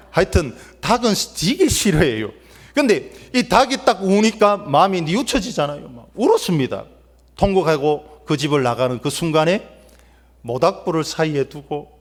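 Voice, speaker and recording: A man preaching a sermon to a church congregation, telling stories in a lively way and acting out what the characters say. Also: a little high. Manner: animated storytelling preacher, voicing biblical characters. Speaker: pastor. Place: church sanctuary. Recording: church hall reverb.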